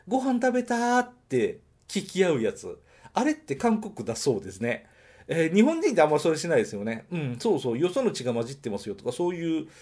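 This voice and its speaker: Chatty man with a lively voice. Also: mid-range voice. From Nagoya, Japan. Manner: chatty, thinks aloud and corrects himself. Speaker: podcast host reviewing films. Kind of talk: casual solo film review.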